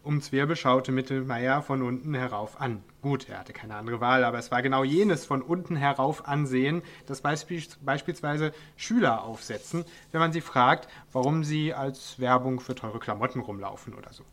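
A man's voice: medium pitch, moderate pace, hardly any pauses, a bit bright. A man reading a humorous story aloud in a dry, wry narrating manner.

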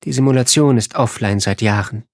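A man voicing a calm, unflappable female ambassador who speaks in a dry, matter-of-fact way, in an audiobook. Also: lowish voice, fairly quick, no room sound, natural voice.

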